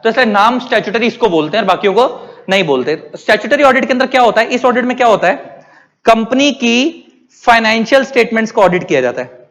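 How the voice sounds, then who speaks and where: A man teaching a class in a high voice. He keeps asking questions and answering them himself. His voice rings with a long reverb. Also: animated, quick pace, creaky, a bit bright. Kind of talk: classroom lecture.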